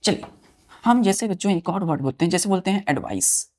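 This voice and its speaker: A woman's voice: on the low side, lively intonation, a little fast, a little mellow. Woman teacher drilling grammar, spelling words out. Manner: repeats key words and quizzes the students; addresses listeners as children. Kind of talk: online exam-prep lesson.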